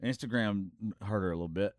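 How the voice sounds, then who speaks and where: A man's voice: lowish voice, fast, dry recording. A man telling crude, profane stories in casual podcast chat, laughing often. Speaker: podcast host or regular.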